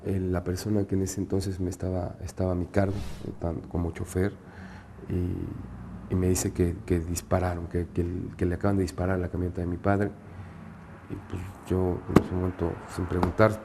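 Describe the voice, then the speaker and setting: A man with a very deep, dark, gravelly voice recounts a memory for a documentary. He speaks in a flat, measured way with many fillers, and a faint noise floor hangs behind him. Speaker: interviewee.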